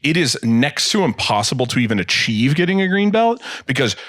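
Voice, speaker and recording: A man hosting a podcast in casual chat, rambling with many fillers and quick laughs. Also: mid-range voice, very animated, fairly bright tone, dry recording, studio quality. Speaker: podcast host.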